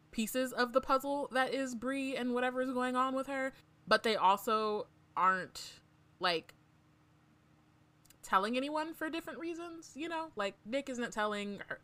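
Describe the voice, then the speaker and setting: A woman's voice: mid-range voice, fairly bright tone. A woman co-hosting a book podcast, chatting casually and summarizing chapters with frequent fillers. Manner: chatty, lots of "like" and "um", laughs often. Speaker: podcast co-host.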